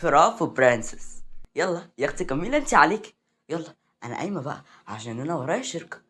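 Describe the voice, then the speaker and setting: A woman's voice: sits low, very animated, fast, husky, full character voice. Woman reading as haughty young Sirin. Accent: Egyptian Arabic. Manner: haughty, boastful.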